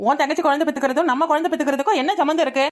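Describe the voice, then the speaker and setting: A sharp-tongued young village wife, played by a woman in a cartoon, speaking with a Kanyakumari Tamil accent. Her voice sits high and she talks very fast, retorting often. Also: fairly even intonation, lightly acted. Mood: sulky. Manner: sulky, retorting.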